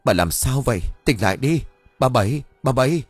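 A man voicing a worried older husband, anxious and pleading, with soft music behind. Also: mid-range voice, lively intonation, fairly quick, dry recording, voice pushed up, lightly acted.

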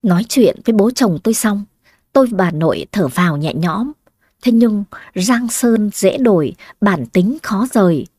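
A woman telling a first-person family story, lively with dramatic exclamations. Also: medium pitch, moderate pace, husky, no room sound, studio quality.

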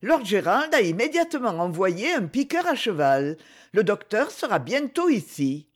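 A gentle lady companion, kindly and reassuring, speaking softly, as a male reader voices her. She comes across as an audiobook character with a lively, high-leaning tone. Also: moderate pace.

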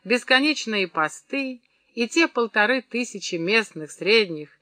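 A woman reading a novel aloud in an even, measured narration. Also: a little high, no room sound, studio quality. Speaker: audiobook narrator. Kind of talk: scripted narration.

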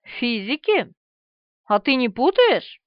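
A woman's voice: high voice, very animated, slow, no echo, full character voice. A woman voicing a feisty, mischievous young woman with a bold, teasing manner in an audiobook. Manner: bold, teasing, sharp-tongued. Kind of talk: audiobook character reading. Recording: dry, slightly dull studio recording.

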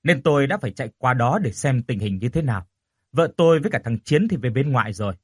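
A man voicing a gruff, secretive older village man who talks bluntly. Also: medium pitch, animated, fast talker, dry recording, studio quality. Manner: blunt, questioning, stammers when shaken.

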